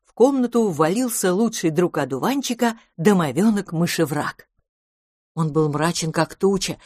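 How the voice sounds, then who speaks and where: A woman narrating a children's storybook in a lively, expressive way. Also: mid-range voice, no echo, studio quality. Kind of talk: storybook reading.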